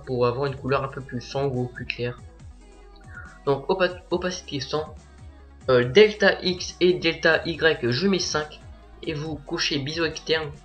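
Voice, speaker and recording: A teenage boy narrating a software tutorial as a voice-over, hesitant and full of filler sounds. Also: a little high. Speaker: tutorial maker.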